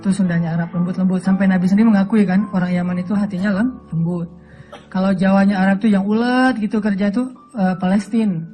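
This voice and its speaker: A middle-aged male Islamic preacher from Aceh, giving a relaxed, humorous sermon that jokes and acts out voices in his stories. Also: high-pitched, fast, faint music behind. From Aceh, Indonesia. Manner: joking storytelling, often laughing.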